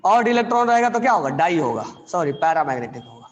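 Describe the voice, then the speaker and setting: High-voiced male chemistry teacher. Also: sing-song, big-room sound, highs cut off. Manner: dictates slowly, repeats phrases, quizzes students. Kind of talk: classroom lecture dictating notes.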